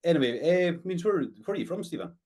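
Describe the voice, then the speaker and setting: Hesitant Scottish Highland man hosting a podcast. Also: sing-song, quick pace, a little mellow. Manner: hesitant, frequent "eh" tags and repeated words. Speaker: podcast host. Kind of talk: casual interview chat.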